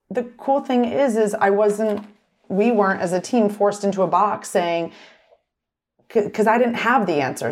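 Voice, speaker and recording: A middle-aged woman being interviewed about her work, talking quickly with lots of "like" and "right?" tag questions. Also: medium pitch. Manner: fast, filler-heavy, tag questions like "right?". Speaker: retail executive guest. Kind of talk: conversational interview.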